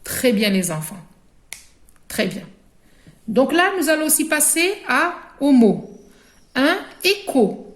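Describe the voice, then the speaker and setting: A woman with an Algerian French accent teaching young children to read. She speaks slowly and stretches words so the class can repeat after her. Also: high voice, very animated. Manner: slow, deliberate, stretches words for repetition. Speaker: primary school teacher. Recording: echoey room.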